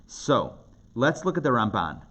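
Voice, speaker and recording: In a live classroom recording with background noise, a rabbi explains commentaries in plain language to participants, emphatically repeating phrases and posing rhetorical questions. His medium-pitched voice is bright and forceful, with big pitch swings and a measured pace.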